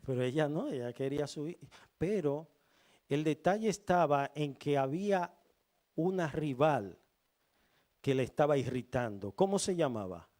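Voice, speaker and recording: Reading scripture and posing rhetorical questions to his congregation, a preaching pastor takes a slow, deliberate approach. His voice is fairly high and a little mellow, with lively intonation.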